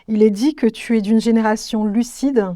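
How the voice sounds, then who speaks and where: A woman's voice: on the high side, steady tone, moderate pace, dark tone, no echo. A woman interviewing a guest, asking polite questions and giving short affirming replies.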